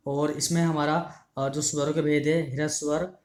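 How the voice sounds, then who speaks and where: A man's voice: fairly high pitch, little pitch movement, normal speed. A male teacher giving an online exam-prep lesson, explaining patiently, repeating key terms and asking the class questions. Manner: ends phrases with "ठीक है" checks.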